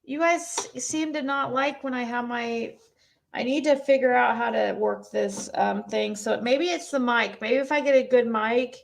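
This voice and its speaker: A woman streamer with a squeaky voice chatting bluntly and rambling with her viewers, recorded on a cheap mic. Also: moderate pace, vocal fry, a little hiss or hum. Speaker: streamer reading chat. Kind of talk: casual live-stream commentary. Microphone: cheap twelve-dollar mic.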